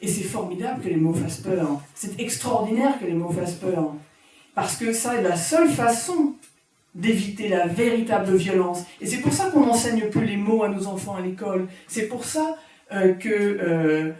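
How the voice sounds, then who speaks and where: A woman speaks to an audience as an author presenting her book, her voice mellow and dark in tone. She talks in a halting way, starting over and repeating words. She stands well back from the microphone in a big, heavily echoing room. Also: medium pitch, animated. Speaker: author giving a talk. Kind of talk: conference talk. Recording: very echoey room from far off.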